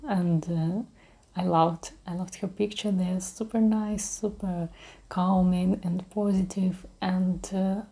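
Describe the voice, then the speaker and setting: A woman talks in a soft, breathy ASMR voice that often slips toward a whisper. Her tone is dark and mellow, a little low for a woman. She has a Russian accent and a gentle, hesitant, unhurried delivery. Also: steady tone. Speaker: ASMR creator. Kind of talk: soft-spoken ASMR talk.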